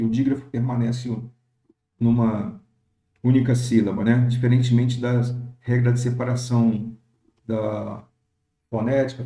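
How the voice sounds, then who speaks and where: A man teaching a recorded lesson, explaining step by step with frequent pauses and fillers and reading verse examples slowly. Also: medium pitch, warm tone, echoey room. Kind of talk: recorded lecture on poetic meter.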